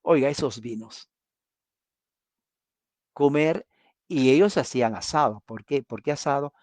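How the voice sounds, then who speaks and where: A man preaching a sermon, animated, asking rhetorical questions and acting out quoted voices. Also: mid-range voice, measured pace, no room sound.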